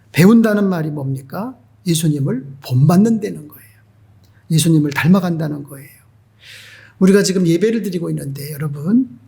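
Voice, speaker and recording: High-voiced, husky male pastor preaching. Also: darkish tone. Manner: emphatic, asks the congregation rhetorical questions. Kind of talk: sermon.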